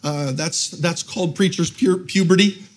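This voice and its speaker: A middle-aged guest pastor with a high-pitched voice speaks at a normal speed. He's losing his voice while preaching a sermon to a live church audience. He tells funny stories and laughs often.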